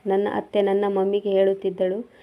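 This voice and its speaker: Flat-voiced woman narrating a story. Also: medium pitch, brisk. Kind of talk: first-person story narration. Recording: tinny phone-like sound.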